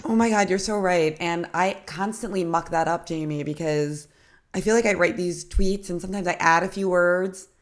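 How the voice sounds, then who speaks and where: Low, husky-voiced woman with a cold. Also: normal speed. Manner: joking, asks questions, laughs at own jokes. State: sick with a cold, voice gone husky. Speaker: podcast host. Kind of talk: casual podcast interview.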